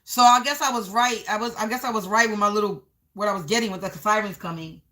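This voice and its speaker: A woman's voice: mid-range voice, quick pace, bright, forceful tone. A woman giving a live psychic reading, narrating visions as they come to her, repeating phrases and stretching out key words for emphasis. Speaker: psychic reader.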